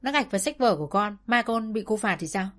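A woman's voice: a little high, animated, fast talker, pitched above the performer's own voice, natural voice. A woman voicing a stubborn schoolgirl who protests in a whiny, indignant way in a storybook reading. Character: stubborn sulky schoolgirl, elder sister.

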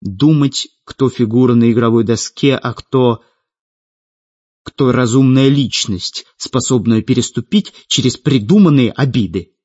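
A man voicing an old, tired, fatherly head mage who speaks melancholically, with a slightly husky voice. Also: medium pitch, unhurried, natural voice. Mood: melancholy. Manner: melancholy, gently guilty. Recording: dull lo-fi audiobook with faint music.

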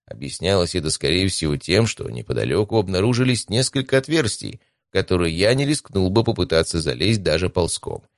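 A man with a very deep voice reads an adventure audiobook in a calm, even first-person narration. The sound is close and completely dry, with no room echo. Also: brisk.

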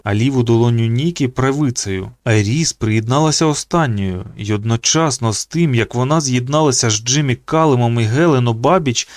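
A man narrating an audiobook in an expressive reading voice. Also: dry recording, studio quality. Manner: reads expressively, pitching up for the children's quoted lines.

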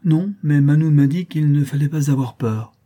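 A man's voice: on the high side, moderate pace, warm tone, pitched above the performer's own voice, natural voice. A man voicing a shy little girl of about five who gives small, unsure, matter-of-fact answers. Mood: innocent.

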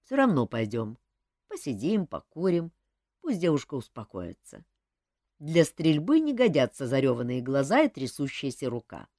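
Calm quiet teasing king, read by a woman, lively pitch, close dry sound. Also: normal speed, no echo, exaggerated voice. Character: calm, quiet-spoken king, adult man.

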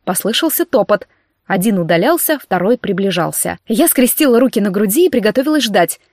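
A woman narrating a first-person audiobook story in a lively, theatrical way. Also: mid-range voice, fairly quick, no room sound, studio quality.

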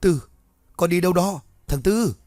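A man voicing a gruff old village man over seventy who exclaims in alarm. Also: medium pitch, animated, fast talker, a little mellow, no echo, close to an everyday voice. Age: 70s.

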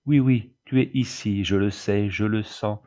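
A man's voice: lowish voice, fairly even intonation, unhurried, warm tone, dull audio, close to an everyday voice. A man reading the part of a grieving old peasant widow who pleads in fervent prayer. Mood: defiant.

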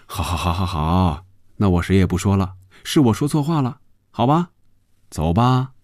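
Man voicing a deep-voiced, teasing salesman for a radio serial, dry close sound. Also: big pitch swings, normal speed, darkish tone, no room sound. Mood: coaxing. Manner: coaxing and joking. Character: glib male salesman, easygoing and teasing.

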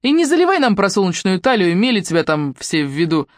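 A woman's voice: mid-range voice, big pitch swings, fast, no echo, close to an everyday voice. Brief: coarse, mocking tough gal, voiced by a female reader, slangy and blunt, dry read. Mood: taunting. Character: brash, coarse grown woman who talks like a street tough.

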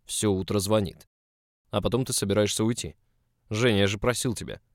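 A domineering, possessive boss who growls his orders in short, stern lines, voiced by a man reading a story. His voice sits low. The recording is dry and close, with no room sound. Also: fairly even intonation, brisk, no room sound, lightly acted.

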